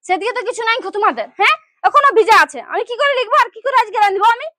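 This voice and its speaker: A woman's voice: very high-pitched, expressive, rapid-fire, bright, forceful tone, dry recording, studio quality, full character voice. A woman playing a sulky young daughter-in-law. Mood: complaining. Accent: Purulia Bengali. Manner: whiny, complaining, defiant. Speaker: actor in a village drama.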